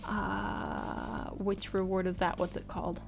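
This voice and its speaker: A slow, gravelly, medium-pitched voice with little pitch movement belongs to an art livestreamer chatting informally. She giggles as she reads viewer comments and makes self-deprecating remarks, with music in the background.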